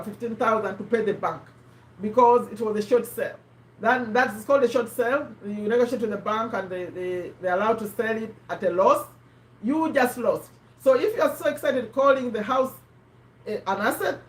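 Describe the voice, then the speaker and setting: A fairly high-voiced woman talks through ideas in a loose, conversational way, restarting sentences and turning to her listeners with questions. The recording has a roomy echo around her voice. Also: far from the mic. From Uganda. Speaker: host of a live book discussion. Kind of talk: casual explanatory talk. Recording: echoey room.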